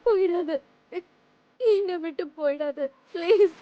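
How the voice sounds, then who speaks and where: A woman's voice: extremely high pitch, moderate pace, lo-fi sound. An actress playing a young woman who tearfully begs her lover not to leave her, in a TV drama. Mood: pleading. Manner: pleading, tearful, repetitive. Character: young woman, desperate lover begging him to stay. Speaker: actress in a TV serial. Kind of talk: dubbed TV drama dialogue.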